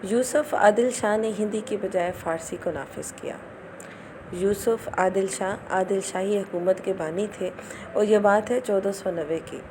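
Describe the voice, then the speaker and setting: A woman reading out literary facts as study notes in a steady recitation. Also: mid-range voice, noisy background.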